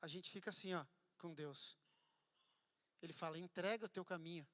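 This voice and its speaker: A man preaching a sermon, telling a story with animated swings from loud to hushed. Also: high voice, moderate pace. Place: church hall. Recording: church hall with long reverb.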